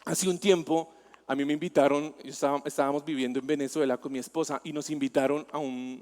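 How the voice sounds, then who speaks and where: Colombian preacher with a fairly high voice. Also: male voice, a little mellow. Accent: Colombian Spanish, Bogotá. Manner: conversational preaching, asks the congregation questions and tells personal stories. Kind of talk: sermon. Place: church hall. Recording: long church-hall reverb.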